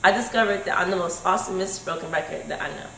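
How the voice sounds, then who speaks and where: A woman's voice: lowish voice, quick pace, vocal fry, pushed and bright. Teenage girl reciting spoken word poetry. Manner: emphatic, rhetorical recitation. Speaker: student performer. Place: school room. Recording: echoey room with faint hum.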